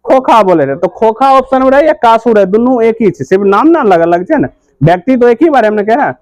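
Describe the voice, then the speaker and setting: A man's voice: very high-pitched, lively intonation, a little fast, dry recording. A male teacher with a Bihari accent explaining a story in a class lesson, keeps asking quiz questions and answering them himself, repeating key points. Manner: repetitive, drilling key points.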